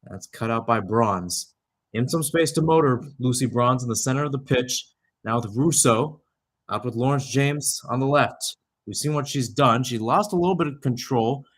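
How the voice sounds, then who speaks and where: Speaking at normal speed and medium pitch, a young adult male commentator gives radio-style play-by-play of a soccer game. He talks in brief, clipped bursts, adding asides and correcting himself as he goes.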